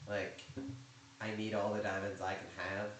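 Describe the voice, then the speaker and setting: A man's voice: on the low side, level tone, moderate pace, a bit bright, faint music behind. A man casually telling a rambling story about his game server, chatty and full of sarcastic asides. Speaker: YouTuber recounting server drama. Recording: very echoey room, faint noise.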